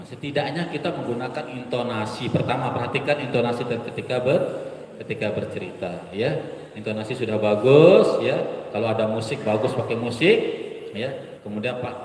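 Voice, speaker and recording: A man training Quran teachers in a workshop, explaining storytelling with lively, animated delivery. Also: medium pitch, a little hiss or hum. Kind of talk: workshop lecture. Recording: echoey hall, distant mic.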